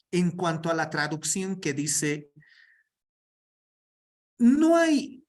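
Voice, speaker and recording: A man's voice: fairly high pitch, fairly bright tone. A man presenting an online workshop, reading through a term list in an explanatory way and often checking in with tag questions.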